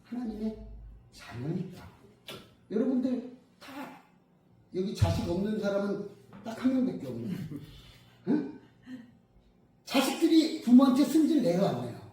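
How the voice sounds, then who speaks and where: A man's voice: high-pitched, big pitch swings, a little slow, long pauses, mellow, a little hiss or hum. A man preaching a storytelling sermon in a colloquial way, acting out the voices he quotes, recorded in a church. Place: church sanctuary. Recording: very echoey hall, mic at a distance.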